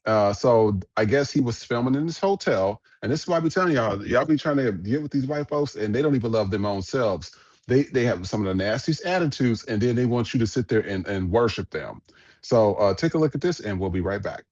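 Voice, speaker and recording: A man hosting a casual podcast, reacting bluntly and profanely to viral clips in a rambling way. His voice sits at a middle pitch and sounds close and dry. The recording is a little dull and lo-fi. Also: lively intonation, brisk, darkish tone, no echo. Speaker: podcast host.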